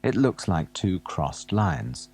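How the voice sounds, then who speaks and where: A man with a deep, slightly husky voice reads a picture-book story for small children. He takes his time and his pitch rises and falls a great deal as he coaxes the listener to spot things on the page. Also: very animated, takes it slowly. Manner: gentle, asks the listener questions and waits. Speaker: narrator of a children's alphabet tape. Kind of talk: scripted storybook narration for young children.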